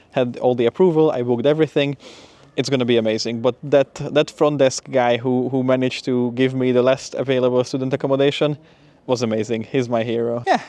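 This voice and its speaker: Recorded dry, a young adult PhD student with a medium-pitched, slightly mellow voice gives a conversational, upbeat vlog update, casually talking through the week he's had.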